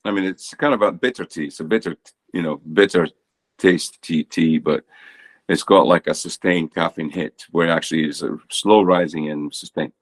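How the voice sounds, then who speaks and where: A man co-hosting a casual podcast, teasing his friend and giving relaxed, rambling explanations. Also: deep voice, moderate pace. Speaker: podcast co-host and teacher.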